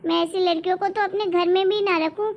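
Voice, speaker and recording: A woman's voice: very high voice, steady tone, fairly quick. A woman voicing a stern old grandmother who scolds her granddaughter and favors her grandson. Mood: scornful. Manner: harsh, scolding. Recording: dull lo-fi recording.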